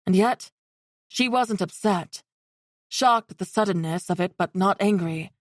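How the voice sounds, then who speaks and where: A woman reading a fantasy romance audiobook in steady scripted narration. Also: mid-range voice, a little slow, no room sound, studio quality.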